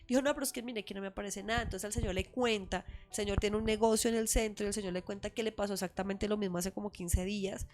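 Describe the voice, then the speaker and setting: A woman's voice: mid-range voice, fairly even intonation, quick pace, few pauses, a little mellow, soft background music. A woman retelling her mother's story as a testimony in a live church conversation, acting out the people she quotes. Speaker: church member giving testimony. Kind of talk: storytelling testimony in casual chat.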